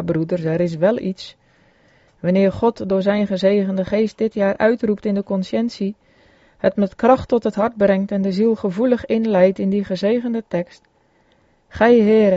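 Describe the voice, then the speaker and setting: A man preaching from an old sermon in a solemn, earnest, measured manner. His voice is dark and mellow. The recording is dry and a little dull, with a lo-fi edge. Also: medium pitch, no room sound. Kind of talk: reading a sermon aloud.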